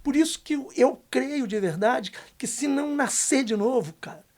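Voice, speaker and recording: An older man, a podcast guest telling a testimony story, emphatic and slangy, going hushed when quoting others. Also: extremely high pitch, lively intonation, normal speed. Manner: emphatic, slangy, dips to a hushed voice for quoted lines.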